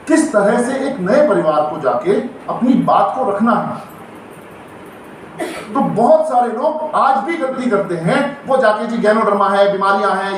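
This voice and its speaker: A middle-aged man with a voice that sits high leads a motivational direct selling training seminar before a live audience in an indoor event hall. He calls out questions for the crowd to answer, emphatic and rousing in call-and-response style. The hall is very echoey, with a distant mic and faint noise.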